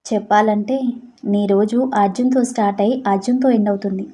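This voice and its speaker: Brief: a level-headed mom, as a woman storyteller does her, mellow low timbre. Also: fairly quick, lightly acted. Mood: calm, firm. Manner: calm, reasoning. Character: caring, firm middle-aged mother.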